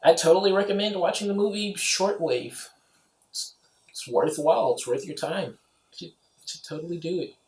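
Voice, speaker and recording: A man reviews a movie casually, speaking at normal speed in a fairly high voice. He wanders from point to point with lots of "you know" and "like," and the home recording sounds roomy and echoey.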